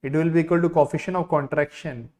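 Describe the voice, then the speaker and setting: Indian-accented man teaching with an insistent sales pitch. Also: steady tone, quick pace, a little mellow. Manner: insistent sales pitch, repeating key phrases. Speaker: online engineering teacher. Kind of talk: live online class with a sales pitch for courses.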